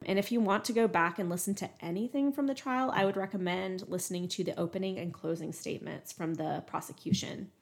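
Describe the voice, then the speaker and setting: A woman's voice: medium pitch, a little fast, gravelly, hardly any pauses. A young woman chatting casually as a podcast co-host, filling her talk with "like" and "um". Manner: chatty, lots of "like" and "um" fillers. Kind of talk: casual true crime chat.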